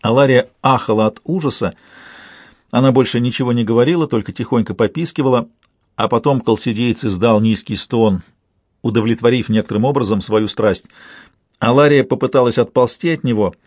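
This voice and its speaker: A man reading an audiobook in a measured, tense first-person narration. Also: mid-range voice, a little mellow, dry recording. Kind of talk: scripted narration.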